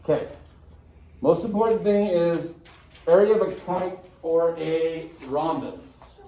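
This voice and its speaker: A man's voice: on the high side, takes it slowly, dark tone, dull audio. A male math teacher giving a casual classroom lecture and checking in with the class often. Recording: echoey room, mic far off.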